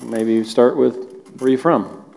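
A man's voice: mid-range voice, moderate pace, vocal fry, darkish tone, a little hiss or hum. Man hosting in a reverberant hall. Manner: friendly, joking, asks the guests questions. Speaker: host and church elder. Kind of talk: church stage interview. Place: church auditorium.

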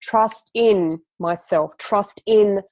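A woman co-hosts a casual podcast chat in a dry, close-sounding space. She speaks in an encouraging, reflective way at a mid-range pitch. She slows down to lean on the words that matter. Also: darkish tone, dry recording. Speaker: podcast co-host.

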